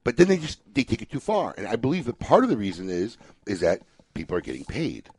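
A man's voice: mid-range voice, quick pace, slightly rough, no echo. A man hosting a podcast, chatting casually and ranting with lots of restarts. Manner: animated, ranting, frequent restarts. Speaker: podcast host. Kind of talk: casual opinionated chat.

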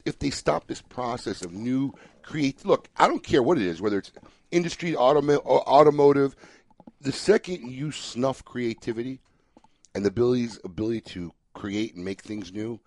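A man's voice: mid-range voice, moderate pace. A man hosting a podcast, chatting casually and ranting with lots of restarts. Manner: animated, ranting, frequent restarts. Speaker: podcast host. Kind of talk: casual opinionated chat.

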